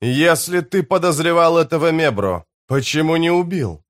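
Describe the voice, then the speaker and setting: A man voicing a blunt, fierce young male warrior who speaks in direct, forceful lines. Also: a little high, normal speed, no room sound, studio quality, voice pushed up, close to an everyday voice.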